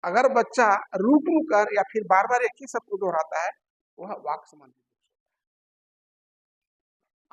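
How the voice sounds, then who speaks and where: A man teaching a lecture, posing questions to his listeners and answering them himself, repeating key terms slowly. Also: high voice, lo-fi sound. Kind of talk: classroom lecture.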